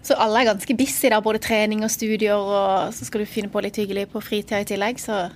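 A woman co-hosting a podcast, asking quick, playful questions. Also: medium pitch, level tone. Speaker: podcast co-host. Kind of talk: casual interview chat.

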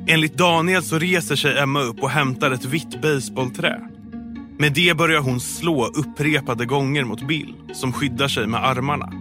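A man reading a scripted true-crime story in a calm, measured way as a podcast narrator. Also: medium pitch. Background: music.

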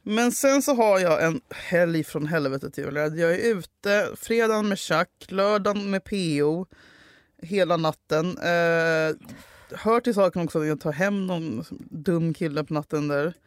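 A woman hosting a podcast, telling a personal story in a lively, casual way, swearing freely and acting out what people said. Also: fairly low pitch, no echo, studio quality. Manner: animated, swears freely, acts out quoted dialogue. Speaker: podcast host telling her love story.

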